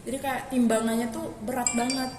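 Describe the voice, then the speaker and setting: A young woman tells her story in a casual interview, her somewhat high voice rambling along with restarts. She sounds like she is in a reverberant hall, with clear background noise. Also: level tone, a little fast. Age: young adult. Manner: rambling, with many restarts and fillers.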